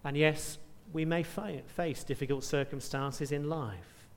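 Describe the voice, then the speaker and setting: Preacher in a reverberant hall. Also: male voice, a little high, steady tone, measured pace. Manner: reads scripture aloud with rising emphasis, asks rhetorical questions. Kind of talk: sermon.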